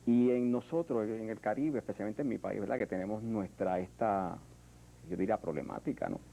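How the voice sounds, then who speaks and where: A Puerto Rican sculptor in an interview, speaking in a reflective, hesitant way with many fillers and restarts. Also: male voice, on the low side, fairly quick, creaky, mellow, rough recording. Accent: Puerto Rican Spanish. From Puerto Rico. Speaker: artist, sculptor. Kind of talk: interview conversation.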